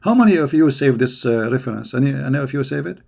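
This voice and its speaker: Fast and mellow with some vocal fry, this medium-pitched male host runs a religious debate stream. He fields viewers' questions with a combative, mocking edge, his intonation lively, and he frequently repeats words as he gropes for what to say.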